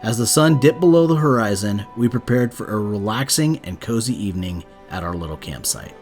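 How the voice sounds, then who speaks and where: A man's voice: lowish voice, animated, a little fast. Man narrating over plucked guitar music. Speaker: camping vlogger. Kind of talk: scripted vlog narration.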